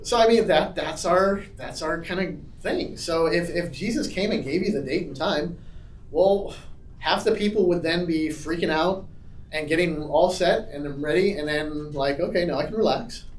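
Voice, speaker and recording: A man with a fairly high voice leads an adult church class, talking casually and acting out little quotes as he goes. He sounds far from the microphone in a roomy, echoing space. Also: moderate pace. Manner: animated, acts out quotes in changing voices. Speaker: Sunday school teacher. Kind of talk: casual Bible class teaching.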